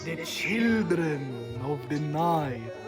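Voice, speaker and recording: An actor playing a sinister, courtly vampire count in a radio drama, with theatrical, drawn-out phrasing. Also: male voice, fairly high pitch, expressive, over music. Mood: eerily menacing.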